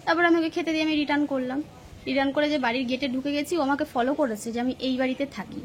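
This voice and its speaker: Brief: woman vlogger, high voice, chatty homey storyteller, faint room hum. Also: fairly even intonation, fast. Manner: chatty, storytelling, laughing often. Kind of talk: casual chat to viewers while cooking. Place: home kitchen.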